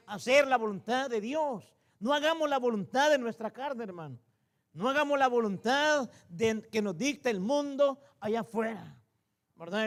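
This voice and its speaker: High-voiced man preaching a sermon. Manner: repeats "hermano" often, asks rhetorical questions. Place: church sanctuary.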